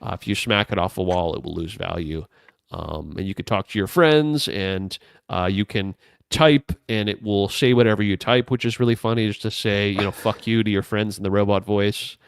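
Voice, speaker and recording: Man, podcast co-host, relaxed rambling chat, clear smooth tone, dry close sound. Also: fairly low pitch, moderate pace, dry recording. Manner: relaxed, rambling, many fillers. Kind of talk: casual gaming podcast chat.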